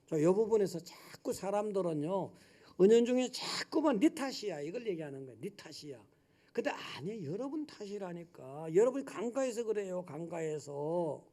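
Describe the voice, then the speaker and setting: A male pastor delivering a Sunday sermon in a high, lively voice. He swings from shouted hallelujahs to hushed asides and acts out little scenes as he talks. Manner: dramatic, swinging from loud shouts to soft asides. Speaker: senior pastor.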